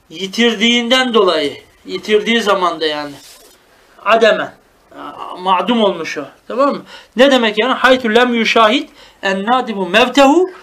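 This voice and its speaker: A man teaching a traditional madrasa-style Arabic grammar lesson. He explains the text line by line, often asks "tamam mı?", and reads Arabic phrases slowly. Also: very high voice, fairly bright tone.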